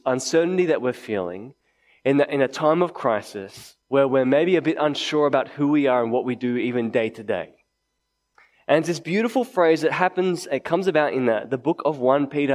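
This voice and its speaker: A man preaching a sermon to a congregation in a conversational way, repeating key phrases for emphasis. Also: medium pitch. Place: indoors, church meeting before a congregation.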